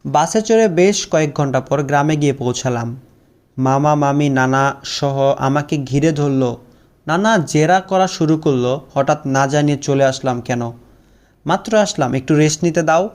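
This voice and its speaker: A man's voice: a little high, measured pace, darkish tone. A young man narrating a first-person story, with a sorrowful, heartfelt storytelling manner.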